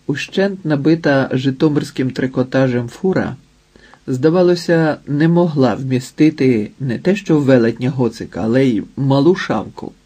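A man narrating a novel in a measured, unhurried storytelling manner. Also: mid-range voice, mellow, husky. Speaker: audiobook narrator. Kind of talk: scripted narration.

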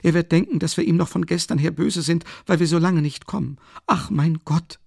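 A man's voice: fairly even intonation, a little fast, creaky, a little mellow, breathy edge, no echo, clean studio sound. A man voicing an anxious, timid middle-aged mother in an audiobook, flustered and exclaiming. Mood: fretful. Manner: flustered, exclaiming, high-pitched fretting. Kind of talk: audiobook character reading.

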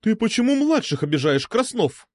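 A man voicing a stern middle-aged female schoolteacher with a contralto voice, who talks loudly and commandingly. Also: high voice, sing-song, moderate pace, no echo, studio quality, pitched above the performer's own voice. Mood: stern scolding. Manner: scolding, loud and commanding.

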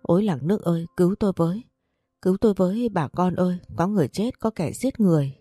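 A woman's voice: on the low side, moderate pace, mellow, no room sound, clean studio sound, soft background music, close to an everyday voice. A woman voicing a frightened older housemaid who cries out in panic, in a storybook reading. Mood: panicked.

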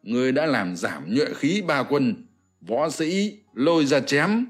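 A man's voice: medium pitch, big pitch swings, slow, soft background music. A man voicing a proud, ruthless warlord who speaks in a commanding, scornful way, in an audiobook. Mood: stern.

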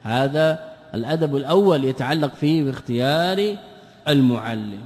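A man's voice: medium pitch, lively intonation, moderate pace, darkish tone. A man teaching a classical Islamic lesson, asking rhetorical questions and answering them himself, repeating key words for emphasis. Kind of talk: classical lesson commentary on a text. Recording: long hall reverb.

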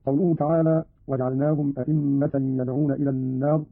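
A man giving a formal, measured explanation of Quran reading variants, quoting verses as examples, in an archive radio broadcast. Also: medium pitch, level tone, no echo, phone-quality sound.

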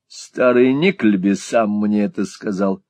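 A man's voice: on the low side, slow, darkish tone, dry recording. A man voicing a cynical, scheming aristocrat who drawls in a languid, condescending way. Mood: drawling.

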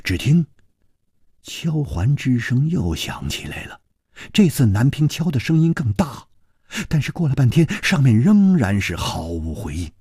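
A man telling a martial-arts tale in traditional Chinese storytelling style, with lively, expressive narration. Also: medium pitch, moderate pace, slightly rough, no echo. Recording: dry close radio studio.

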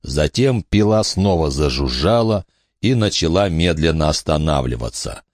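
Deep-voiced man narrating a story with drama. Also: lively intonation, moderate pace, dry recording, studio quality. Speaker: audiobook narrator. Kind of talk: scripted narration.

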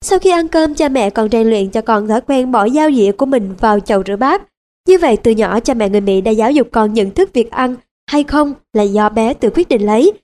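Mellow, higher-voiced woman narrating. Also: expressive, brisk. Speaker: audiobook narrator. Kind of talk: scripted narration.

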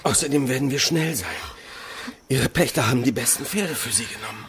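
An actor playing a loyal male servant in a radio play, talking in rough exclamations. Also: medium pitch, brisk, close to an everyday voice. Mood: anxious. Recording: loud background noise.

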